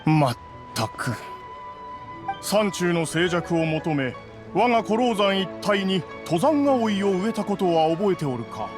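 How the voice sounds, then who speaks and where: A man's voice: sits high, big pitch swings, measured pace. A man voicing a proud, stern ancient immortal in human guise for an anime game, lofty and easily exasperated, with archaic phrasing. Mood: weary, explaining. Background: music.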